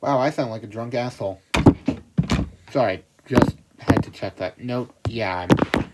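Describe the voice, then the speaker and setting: A man's voice: mid-range voice, a little slow. A young man chatting casually to himself on a livestream, rambling and self-deprecating. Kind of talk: casual solo stream chatter. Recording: loud background noise.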